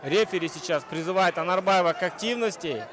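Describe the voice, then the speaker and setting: Male fight commentator, high voice, wrestling-commentator style with analytical play-by-play and excitable calls, noisy arena crowd behind. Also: fairly quick. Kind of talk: live MMA sports commentary.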